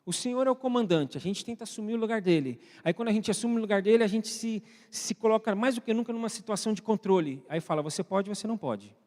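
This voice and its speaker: A man's voice: high voice, quick pace, hardly any pauses, darkish tone. A man with a Brazilian accent preaching a conversational sermon in church, often asking the congregation questions and speaking to viewers at home. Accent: Brazilian Portuguese. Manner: asks the congregation frequent questions; addresses online viewers at home. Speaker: pastor. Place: church hall. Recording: long church reverb.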